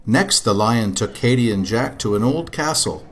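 A father reading a children's picture book aloud with expressive, animated storytelling. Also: medium pitch, moderate pace, slight background noise.

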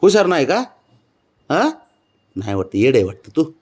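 Man coaxing his cat in lively baby talk. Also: medium pitch, moderate pace, husky. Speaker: cat owner filming his pet. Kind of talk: casual talk to a pet.

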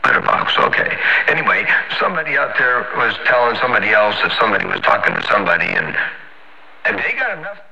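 A man chats over a CB radio transceiver in a rambling, folksy way, dropping trucker slang as he goes. His voice is gravelly and swings lively up and down. The sound is muffled and hissing with radio static. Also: on the low side, fast talker. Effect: heard over a CB radio transceiver. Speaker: CB radio operator. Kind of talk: casual CB radio chat.

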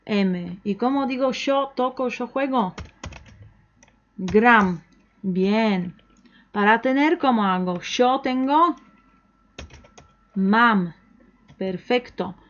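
A woman with a somewhat high voice gives an online language lesson. She speaks slowly and patiently, asks the learner questions and waits for the answers. The recording sounds dull and lo-fi. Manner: slow, patient, encouraging, with pauses for the learner to answer. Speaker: language teacher.

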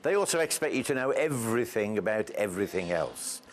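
A man in his sixties talks casually in an indoor interview. His voice sits on the low side. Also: very animated, fairly quick. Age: 60s. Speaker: town crier being interviewed. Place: indoor room.

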